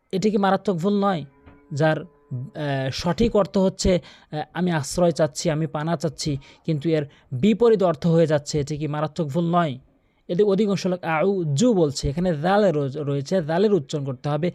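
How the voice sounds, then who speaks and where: An earnest man teaches tajweed with a Bangladeshi Bengali accent, sounding out each Arabic letter slowly and more than once. His voice sits a little high for a man. The recording is dry and close. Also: dark tone, no room sound. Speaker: Quran recitation teacher. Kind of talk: tajweed pronunciation lesson.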